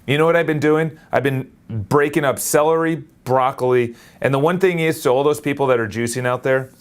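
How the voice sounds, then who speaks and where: A vlogger in his late twenties talks straight into his phone camera in a loose, unscripted video. Energetic and rambling, he often stops and restarts his sentences, speaking with a medium pitch at a fairly quick pace.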